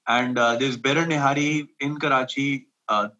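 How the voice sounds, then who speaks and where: A man's voice: mid-range voice, fairly even intonation, normal speed, bright, forceful tone, muffled recording. A man with a Pakistani accent chatting casually as a guest, mixing English with Urdu. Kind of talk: casual chat.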